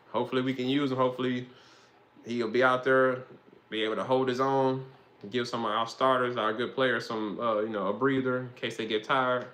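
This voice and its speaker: A man's voice: mid-range voice, fairly bright tone. A young man, hosting a casual, rambling football monologue with slang and swearing. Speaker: host.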